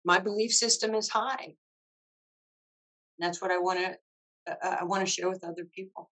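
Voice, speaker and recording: Woman guest on an interview, lowish voice, tells stories casually and acts out the dialogue. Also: normal speed, rough recording. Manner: lively anecdotes with quoted dialogue. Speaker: guest, former basketball coach.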